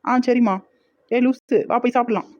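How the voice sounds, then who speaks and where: A woman voicing a cheeky young village woman in a cartoon, with a Tirunelveli Tamil accent, talking back quickly. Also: on the high side, fairly even intonation, a little mellow, highs cut off, natural voice. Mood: sassy. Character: sassy young village woman, elder daughter.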